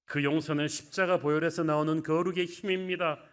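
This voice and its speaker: A man's voice: fairly high pitch, fairly even intonation, a little fast, a bit bright, clean tone. Male pastor, dramatic sermon delivery, mic'd in a church. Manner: emphatic, dramatic rises and drops in volume. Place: church sanctuary.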